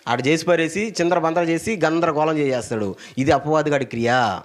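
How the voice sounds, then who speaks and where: High-voiced, animated male pastor preaching. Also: brisk. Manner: animated preaching, prompts the congregation to repeat verses aloud; swings between loud emphatic lines and low asides. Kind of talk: sermon.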